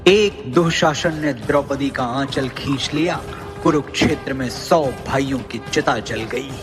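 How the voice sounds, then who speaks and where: A man's voice: mid-range voice, measured pace, over music. A man reciting a grave, solemn dramatic narration at a school performance.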